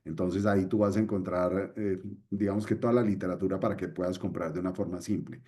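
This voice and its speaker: A man's voice: deep voice, fairly even intonation, quick pace, dark tone. A middle-aged man presenting a webinar, explaining step by step and repeating his key points. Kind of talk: screen-share webinar explanation.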